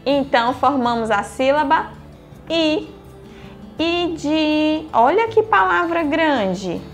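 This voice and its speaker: A woman teaching young children, speaking gently and encouragingly, asking questions and answering them herself. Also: sits high, lively intonation, slow pace, soft background music. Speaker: primary school teacher. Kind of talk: slow, sing-song lesson for young children.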